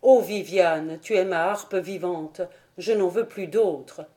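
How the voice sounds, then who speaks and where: A woman's voice: fairly low pitch, slow, warm tone. A woman reading the lines of an old male wizard bard in a grave, solemn manner in an audiobook. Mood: ardent.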